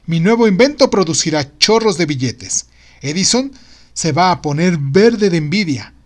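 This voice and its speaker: A man voicing a boastful, excitable inventor in an audio storybook, pompous, grandiose and optimistic. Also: high-pitched, normal speed. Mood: excited, boastful. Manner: pompous, exclamatory.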